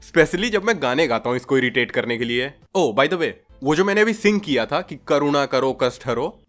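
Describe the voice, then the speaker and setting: A man's voice: mid-range voice, fairly bright tone. A young man delivering a crude, sarcastic comic monologue, swearing freely and acting out friends' voices. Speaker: stand-up comedian.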